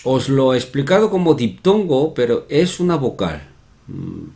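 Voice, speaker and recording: Guy teaching a grammar lesson, talks slow, says everything twice and keeps tossing in little tag questions. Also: mid-range voice, big pitch swings, vocal fry, warm tone. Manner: repetitive, checks in with tag questions. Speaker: Korean language teacher. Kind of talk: explanatory online lesson.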